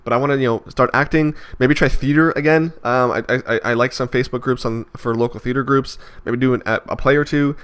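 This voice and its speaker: Speaking fast with few pauses, a man in his twenties muses through a reflective vlog monologue. His medium-pitched voice is steady, fairly bright, clear and resonant, though he rambles hesitantly with many fillers and restarts.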